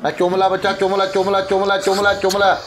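A man's voice: high voice, monotone, a little fast, fairly bright tone, soft background music. A man playing a pompous fake holy man in a comedy sketch, with a Pakistani Punjabi accent and mock-mystic chanting.

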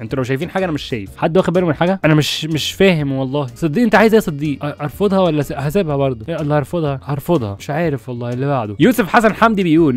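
A man with an Egyptian Arabic accent, hosting a casual commentary as he reviews memes from viewers. His delivery is animated and joking, and he talks straight to his audience. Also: fairly high pitch. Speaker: YouTuber host.

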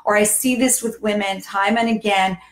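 On her live dating-advice stream, a woman who's a dating coach and the show's host talks to viewers despite being hoarse from laryngitis, chatty and full of fillers and restarts. Her mid-range voice has fairly even intonation at normal speed, and the low-quality recording sounds roomy.

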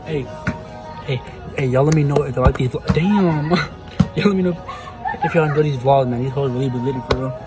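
A man's voice: mid-range voice, brisk, pauses often, over loud music. A young man talking casually to viewers in a slangy, laid-back way, filming himself on a phone held at arm's length, first in a car and then in a store. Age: young adult. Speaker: vlogger. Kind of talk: casual vlog chat. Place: car at night, then a big bright store. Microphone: handheld phone at arm's length.

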